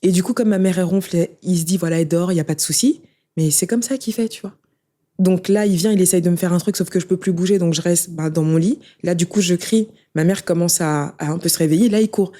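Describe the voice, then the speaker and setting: A young woman with a fairly low, dark voice shares her life story as a guest in an interview. Her casual testimony is rapid, emotional and conversational, and she often turns to the listener with "tu vois."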